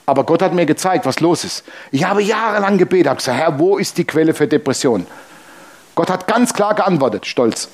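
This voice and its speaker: Male pastor mid-sermon, fervent and wry, addresses the congregation directly, a bit high-pitched. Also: expressive, fairly quick. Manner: fervent, joking, speaks straight to listeners.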